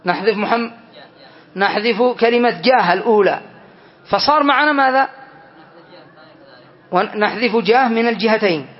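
High-pitched guy teaching a grammar class, keeps asking the students questions, dull lo-fi recording. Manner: explains step by step, asks the class questions.

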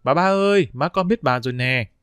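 A mischievous young daughter, her voice pitched up high and lively, teasing her parents in a storybook reading, as a male narrator puts her on. Dry, close recording. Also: fairly quick, no room sound, natural voice. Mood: playful.

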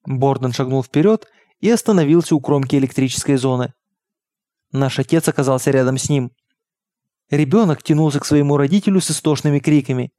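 A man reading an audiobook in steady, measured narration. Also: mid-range voice, dry recording, clean studio sound. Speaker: audiobook reader. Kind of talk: scripted narration.

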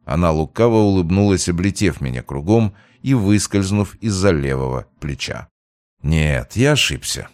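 Male narrator, low voice, animated delivery, first-person audiobook reading. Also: moderate pace, no echo.

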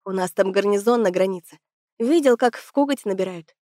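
A woman's voice: mid-range voice, fairly quick, dark tone, no room sound, lightly acted. A friendly young male cadet from a border garrison speaks in a cautious, plain way, voiced by a woman. The recording is dry and close.

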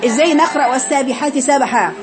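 A woman's voice: high voice, fast talker, over loud music, a loud crowd. Egyptian woman coaching Quran recitation. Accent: Egyptian Arabic. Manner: coaching students, demonstrating sounds by repetition. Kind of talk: tajweed class instruction.

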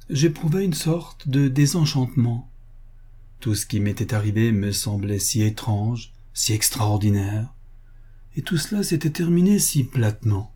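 A man reading a literary tale aloud as narrator, measured and expressive. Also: mid-range voice, breathy edge. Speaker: audiobook reader.

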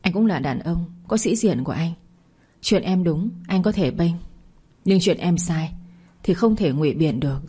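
Stern young husband, measured, reproachful, warm mellow tone, voiced by a woman. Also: on the low side, animated, husky.

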